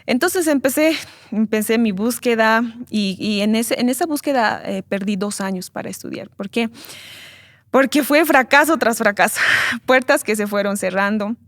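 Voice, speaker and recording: A young woman giving an earnest, emotional personal testimony as an interview guest, speaking haltingly and often repeating words. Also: fairly high pitch, dry recording, studio quality. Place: church recording studio.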